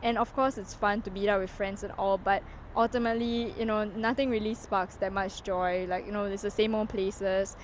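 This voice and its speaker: A woman's voice: mid-range voice, steady tone, normal speed, a little hiss or hum, rough recording. A woman, talking casually to camera as a vlogger, full of "like" and "you know", walking around as she speaks. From Singapore. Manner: chatty, heavy use of "like" and "you know" fillers. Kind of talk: casual reflective vlog talk.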